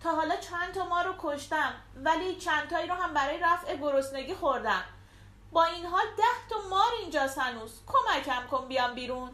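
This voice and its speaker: A woman's voice: sits high, animated, sharp tone, roomy sound, pitched above the performer's own voice. Woman putting on an eager young hero king. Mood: urgent.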